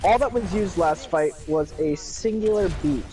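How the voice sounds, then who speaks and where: A man giving live play-by-play commentary on an esports match, with excited calls and joking asides. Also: sits high, moderate pace. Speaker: esports caster.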